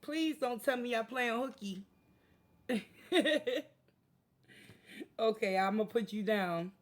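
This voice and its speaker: A woman's voice: on the high side, normal speed. A woman hosting a live tarot reading stream, chatting casually with her viewers.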